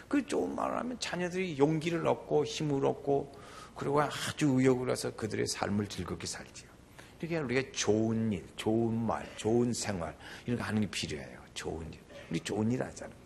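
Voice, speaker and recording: An older man preaching a sermon as pastor, animated, often acting out the people in his stories. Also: mid-range voice, a little fast, gravelly, a little hiss or hum. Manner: animated, acts out quoted voices.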